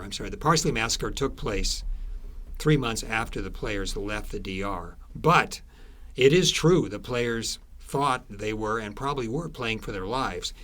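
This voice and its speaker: A man with a lowish, somewhat bright voice and lively intonation is interviewed about his book. He explains things conversationally in a halting, storytelling way, repeating phrases.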